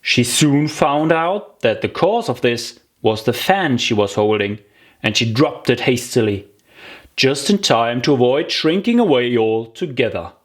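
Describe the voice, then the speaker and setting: Slow, expressive storybook narrator. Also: medium pitch. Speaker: audiobook narrator. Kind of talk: scripted children's story narration.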